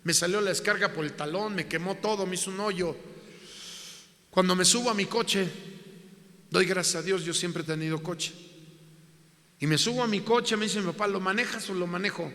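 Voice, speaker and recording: A man preaches an emotional testimony, his voice high and bright. He keeps calling the congregation his brothers. The sound rings with the long reverb of a church hall. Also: moderate pace, long pauses. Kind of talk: sermon testimony.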